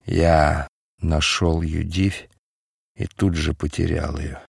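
A man's voice: very deep voice, little pitch movement, slow, creaky, slightly rough, no room sound, studio quality, voice pushed down, full character voice. A man voicing a despairing, bitter male figure who speaks gloomily. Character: despairing, angry young man, bitter and lovesick.

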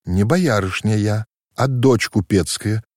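A man voicing an eager, warm-hearted young merchant's daughter, talking in an animated folksy way in a storybook reading. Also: lowish voice, slow pace, dry recording, clean studio sound. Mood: shy then bold.

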